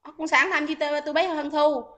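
Scolding high-voiced woman, bright tone. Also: steady tone, fairly quick. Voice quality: scolding, taunting, repeats questions. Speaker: livestream host. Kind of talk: heated livestream arguing with commenters.

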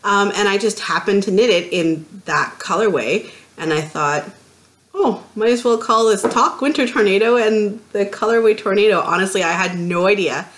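A Canadian woman co-hosts a podcast from her home craft room, speaking into a desk camera. She talks in a lively, joking way, often laughing at herself, with a mid-pitched voice. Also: moderate pace. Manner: lively, laughing, self-mocking chatter. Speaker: podcast co-host. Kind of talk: casual podcast chat.

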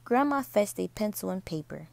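A woman reading a bedtime story aloud to children, slowly and soothingly. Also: mid-range voice, animated, vocal fry, a little mellow, no echo.

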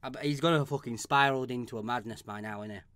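A man's voice: medium pitch, very fast, no room sound. A man commenting on a horror game he is playing, swearing often, shrieking when startled and reading on-screen text aloud. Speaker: let's play gamer. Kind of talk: let's play commentary. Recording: loud noise behind voice.

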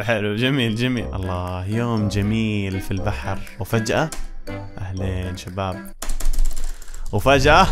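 A man in his twenties with a Gulf Arabic accent, chatting casually and playfully as a video host, dropping in English exclamations, on a close microphone. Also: medium pitch. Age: 20s. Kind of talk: casual chat, reacting to web searches. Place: small indoor home studio room. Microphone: close studio microphone on boom arm. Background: faint background music.

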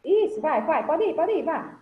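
A woman's voice: high-pitched, very animated, normal speed, narrow, tinny audio, a little hiss or hum. A woman teaching English to young children over a video call, patient and affectionate, often calling them "my love" and checking that everyone is following. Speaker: primary school English teacher. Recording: roomy video-call audio, faint ambience.

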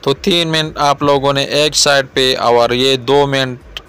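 A man in his thirties from Pakistan, hosting a cooking video and calmly explaining each step to viewers outdoors. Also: mid-range voice, a little slow, smooth. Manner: calm, repetitive explaining, addresses viewers directly. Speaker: cooking channel host. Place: outdoors in a garden yard.

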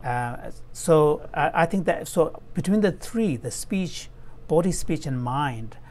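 Middle-aged man as interpreter; measured, explanatory delivery with restarts, earbud mic on a video call. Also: on the high side, animated, darkish tone. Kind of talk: interpreting a Buddhist teaching in a dialogue. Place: room at home. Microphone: earphone headset mic on a video call.

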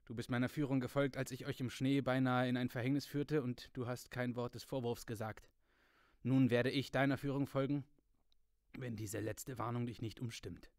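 A man's voice: medium pitch, darkish tone, dry recording, studio quality, natural voice. A man reading as a sombre, earnest ranger. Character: earnest, weary male human ranger.

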